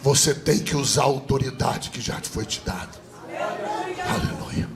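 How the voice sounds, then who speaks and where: A male Brazilian Pentecostal pastor preaching, who swings from loud sing-song shouting to low, intimate teaching. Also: normal speed, some chatter behind. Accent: Brazilian Portuguese. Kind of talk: Pentecostal sermon. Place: rooftop church service.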